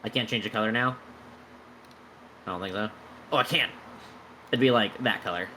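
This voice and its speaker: A man narrating a tabletop game as game master, setting scenes slowly and deliberately over a voice call. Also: on the low side, pushed and bright, a little hiss or hum, poor audio.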